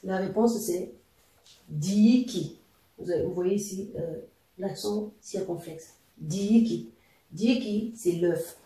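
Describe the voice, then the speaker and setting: Slow, dark-voiced language teacher. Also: mid-range voice, recorded from a distance. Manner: patient, hesitant with frequent fillers. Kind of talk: explanatory language lesson. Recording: echoey room, voice a little off-mic.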